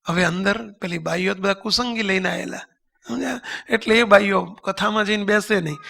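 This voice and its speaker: Animated, gravelly-voiced man preaching a sermon. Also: high-pitched. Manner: animated, voices characters, sings verses slowly. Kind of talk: devotional sermon with storytelling. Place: temple congregation.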